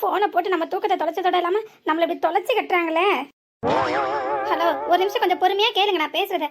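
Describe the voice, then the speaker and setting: Cartoon: a voice actor as a groggy young man, southern Tamil Nadu accent, high-pitched and hurried. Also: fairly even intonation, a crowd in the background. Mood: bewildered. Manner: pleading, groggy complaints. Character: sleepy young man, bewildered and pleading. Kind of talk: cartoon voice acting.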